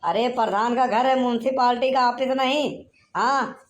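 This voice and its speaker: A woman's voice: a little high, fairly even intonation, moderate pace, lightly acted. A woman doing a bossy Awadhi village headman. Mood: scolding. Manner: scolding, bossy, lecturing. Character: crafty village headman candidate, male. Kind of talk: cartoon comedy voice acting.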